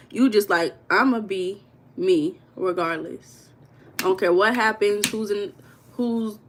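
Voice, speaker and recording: American woman, livestream host, casual and chatty, talks straight to her viewers. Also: medium pitch. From United States. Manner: chatty, addresses viewers as y'all, reads comments aloud.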